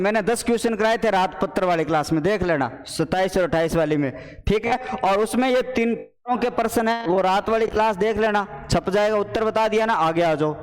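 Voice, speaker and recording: A man teaching a playful, animated online Hindi exam class. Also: sits high, long reverb tail. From Rajasthan. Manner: animated, playful, addresses students as children and brothers. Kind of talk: live online exam paper solution class.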